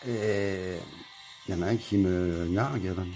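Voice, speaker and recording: Male tech vlogger, deep gritty voice, laid-back rambling review, music under him. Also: a little slow. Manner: relaxed, rambling, filler-heavy commentary. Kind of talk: casual product review.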